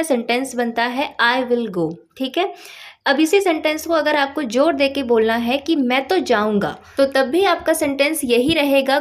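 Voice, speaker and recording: A woman teaching English grammar in a patient, explanatory lesson, repeating her points and stressing the helping verbs. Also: high-pitched.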